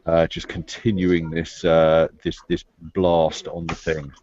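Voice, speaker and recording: A man playing a tabletop game, deliberately planning his moves aloud. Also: low-pitched, monotone, a little mellow, no room sound. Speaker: player. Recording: dull lo-fi recording.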